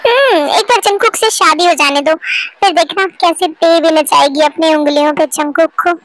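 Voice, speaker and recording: A woman voicing a bossy, sharp-tongued middle-aged mother in an amateur fan dub. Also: very high voice, moderate pace, no room sound. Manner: scolding and bossy.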